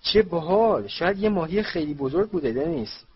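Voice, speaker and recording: A man voicing an eager young schoolboy in a storybook reading, talking quickly, on a dull lo-fi recording. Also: on the high side, sing-song, husky, pitched above the performer's own voice, heavily acted. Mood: excited. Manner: rapid, eager.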